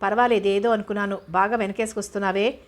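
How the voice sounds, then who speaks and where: A stubborn young man speaks in short, cutting sentences, read by a woman. His delivery stays flat, with little rise or fall. It is an audiobook scene. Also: mid-range voice, fast talker, lightly acted. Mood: sarcastic. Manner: curt, cutting. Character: young man, stubborn and sarcastic toward his former love. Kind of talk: audiobook character voice.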